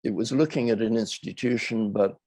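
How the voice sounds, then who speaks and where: An older documentary filmmaker reflects in an interview, picking his words in a thoughtful, measured, hesitant way. His voice is lowish with a darkish tone, and there's no room sound.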